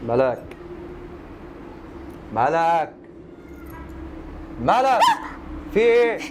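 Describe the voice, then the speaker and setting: A man's voice: on the high side, big pitch swings, extremely slow, darkish tone, slight background noise, full character voice. A man with an Egyptian accent playing a tired working father who scolds and dismisses his daughter. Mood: irritated.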